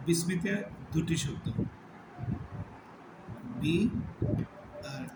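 Male Quran teacher, slightly high voice, patient step-by-step explainer who draws out recited words; echoey room with steady background hiss. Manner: explains step by step, repeating terms and drawing out recited words slowly. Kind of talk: religious lesson on word meanings and recitation rules.

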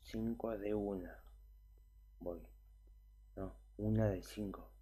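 A young man, an uneasy horror game streamer muttering short, halting remarks to himself as he plays. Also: on the low side, fairly even intonation, dark tone, husky. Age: young adult. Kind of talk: casual gameplay commentary.

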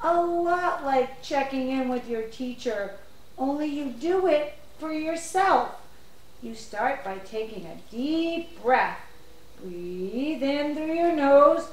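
Gentle puppet guide coaching kids slowly, high voice, as a performer puts it on; echoey, distant. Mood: calm coaching. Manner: slow, gentle, explains step by step. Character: patient teacher-like puppet guide. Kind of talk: children's puppet show.

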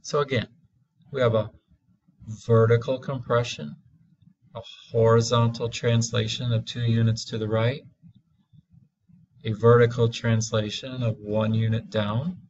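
A man teaching a math lesson, walking through graphs slowly and deliberately, stretching key words for emphasis. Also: mid-range voice, level tone, a little mellow, muffled recording.

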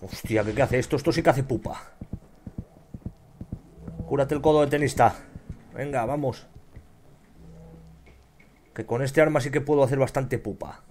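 A young man with a Spain Spanish accent commenting on his gameplay, excitable and swearing often as he shouts at enemies. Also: mid-range voice, normal speed, pauses often, slight background noise. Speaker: gamer.

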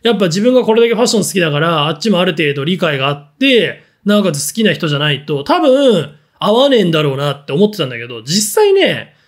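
Fast, lively high-voiced man chatting. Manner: blunt, rambling, animated with frequent fillers. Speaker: fashion talk show host. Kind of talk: casual solo chat answering listener questions.

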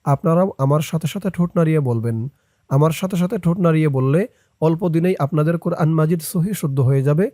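A man with a Bangladeshi accent teaches Quran reading, breaking words into letters and reciting them slowly and drawn out. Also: warm tone, no echo, studio quality. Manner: spells out letters, then recites drawn out and higher. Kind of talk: slow syllable-by-syllable recitation lesson.

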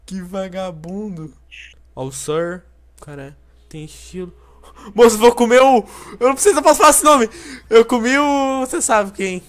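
A young man with a Brazilian Portuguese accent playing an online game with a friend, loud and excitable, yelling at the screen. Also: high-pitched, moderate pace. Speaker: gamer. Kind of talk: excited co-op gameplay chatter.

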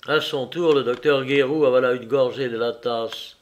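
A man's voice: mid-range voice, steady tone, moderate pace, muffled recording. Man reading a novel aloud. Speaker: audiobook reader. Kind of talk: scripted narration.

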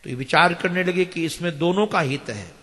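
A man, a swami giving a devotional sermon, who tells the story plainly to his listeners and chants the verses slowly. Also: fairly high pitch, pushed and bright, in a large hall. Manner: addresses listeners directly, teacherly. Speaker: swami giving scripture discourse.

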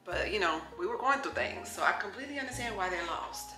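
A lifestyle vlogger in her thirties from New York talks casually and upbeat to camera in her home kitchen, addressing her viewers directly. Her medium-pitched voice is animated and quick. The camera sits close on the counter, and the kitchen sounds echoey with faint music.

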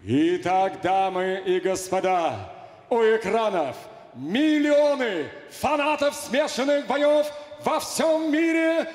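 An older man working as a ring announcer, formally and theatrically announcing a fight with drawn-out shouts. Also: high voice, expressive. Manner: grand, theatrical, building to shouts. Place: cage in a large indoor arena. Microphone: handheld microphone. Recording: echoey arena PA with long reverb.

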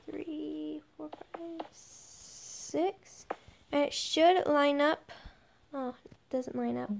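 A young woman who makes gaming videos gives casual commentary while building in a game, thinking aloud and often murmuring under her breath. Her voice is high and gravelly with a darkish tone, captured in a noisy home recording with clicks.

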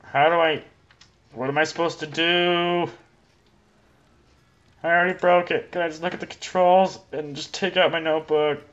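A young man giving let's play commentary, rambling and joking excitedly as he plays. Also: on the high side, normal speed, pauses often, dull audio. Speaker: gameplay commentator.

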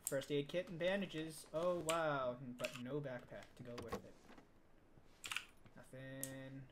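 A man's voice: medium pitch, slow. A man playing a shooter game with a friend, chatting casually, swearing and laughing, muttering to himself while looting. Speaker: game streamer. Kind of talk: casual gaming chat. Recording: steady background noise.

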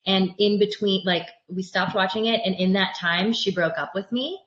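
A woman's voice: medium pitch, fairly even intonation, moderate pace, background noise. A woman comedian chatting on a panel in a rambling, self-deprecating way. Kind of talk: casual panel chat. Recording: echoey dull lo-fi audio.

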